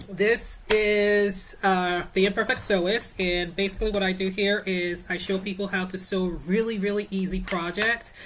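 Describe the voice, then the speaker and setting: Chatting and rambling her way through an easy sewing project at home, a woman teaches casually, full of fillers and self-corrections. Her voice is on the low side, with a bit of background noise behind it.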